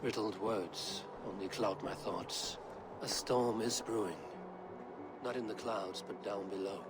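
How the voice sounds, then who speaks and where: An actor playing a commanding Norse high god in a video game, grave and imperious, with dramatic delivery. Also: male voice, fairly even intonation, unhurried, lightly acted. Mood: brooding, defiant. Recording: music under the voice.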